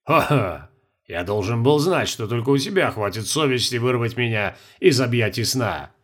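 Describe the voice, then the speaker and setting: A male narrator voicing a gruff, proud male court mage who grumbles in a low, booming way. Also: animated, normal speed, a bit bright. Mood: grumbling. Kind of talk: audiobook character voice.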